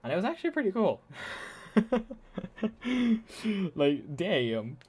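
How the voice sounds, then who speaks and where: A man's voice: fairly high pitch, wildly swooping pitch, brisk, darkish tone, slightly rough. Chatty male streamer thinking aloud. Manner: chatty, thinks aloud while explaining his setup. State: voice slightly worn from talking. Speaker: live streamer. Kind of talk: casual live-stream chat.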